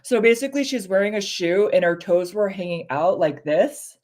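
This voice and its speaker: A woman co-hosting a casual chat show, speaking candidly and with strong opinions, full of fillers, her pitch rising when she stresses a point. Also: expressive, normal speed, darkish tone. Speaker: podcast co-host.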